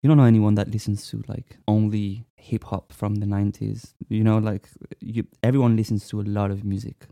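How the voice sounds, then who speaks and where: A man in his twenties from France, a musician talking casually in an interview, relaxed and hesitant with many fillers. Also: lowish voice, brisk, vocal fry, few pauses, no echo, studio quality. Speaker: musician guest.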